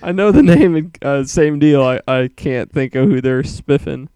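A man's voice: fairly high pitch, normal speed, warm tone, clear, resonant tone, no room sound. An American man talking casually as a quiz contestant. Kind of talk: casual chat.

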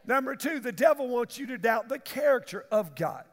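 Gravelly preacher man in a reverberant hall. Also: extremely high pitch, expressive, normal speed. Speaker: pastor preaching to his congregation. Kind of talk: impassioned evangelical sermon. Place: large church hall, preaching to a congregation. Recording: echoey large hall with long reverb.

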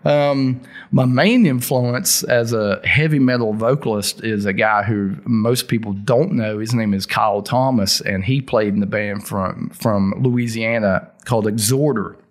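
A man's voice: on the low side, steady tone, measured pace, hardly any pauses. A middle-aged man with a thick Southern US accent, telling stories casually in an interview in informal, folksy language. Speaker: interview guest, heavy metal singer.

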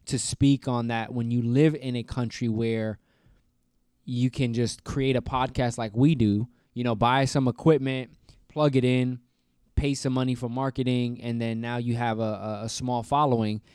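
A man co-hosting a casual podcast discussion, talking in an animated way and acting out quoted exchanges. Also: medium pitch, normal speed, smooth, no echo, clean studio sound. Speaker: podcast co-host.

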